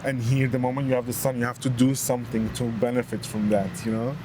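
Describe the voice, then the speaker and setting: A man's voice: medium pitch, little pitch movement, fast talker, warm tone. Reflective man from Lebanon, outdoors. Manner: reflective, hesitant with fillers, earnest. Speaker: interview guest. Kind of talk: casual interview conversation. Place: outdoor public bench by the water. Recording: outdoor street noise, passing vehicles. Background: street traffic.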